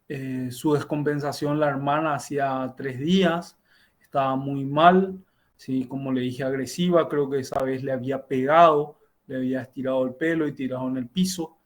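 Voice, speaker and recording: A middle-aged man, a doctor teaching a class, tells a clinical case in a halting way with frequent restarts and tag questions, heard over a video call. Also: medium pitch, steady tone. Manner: halting, many self-corrections and tag questions. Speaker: university lecturer and doctor. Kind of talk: lecturing with a clinical case story.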